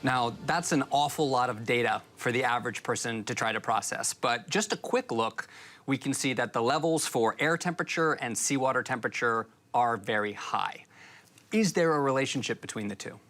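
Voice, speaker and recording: Guy hosting an interview, bright forward voice, asks lots of questions. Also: mid-range voice, normal speed. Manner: conversational, inquisitive. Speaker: host.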